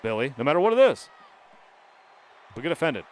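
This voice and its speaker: A man's voice: a little high, sing-song, fairly quick, a faint crowd. An American man streaming a video game, chatting casually and telling rambling stories with some swearing. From United States. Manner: rambling storyteller, swears, laughs. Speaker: gaming streamer. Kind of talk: casual chat while playing.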